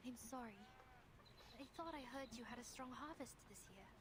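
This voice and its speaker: A woman's voice: a little high, expressive, moderate pace, noisy background, close to an everyday voice. An actress playing a timid, flustered young woman who stammers awkwardly in a video game. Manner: stammering, hesitant, apologetic. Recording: game music behind the voice.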